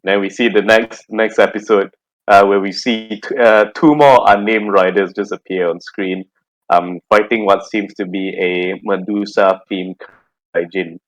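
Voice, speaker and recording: Low-voiced man running a tabletop game. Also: fairly even intonation, a little slow, low-quality recording. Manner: rambling, restarts, frequent laughs. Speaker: game master. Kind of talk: casual game narration.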